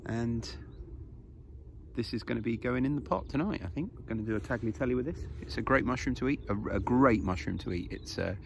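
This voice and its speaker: Filming on a phone held close, this foraging channel host, a man in his thirties, talks casually with fillers from a grassy hill outdoors. He speaks briskly at medium pitch with a gravelly edge, over a slight hiss or hum.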